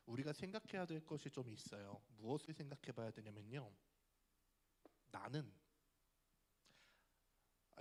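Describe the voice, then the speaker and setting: A man's voice: medium pitch, a little mellow. A young man, a youth pastor, giving a casual, chatty sermon and often asking the audience questions. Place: church hall.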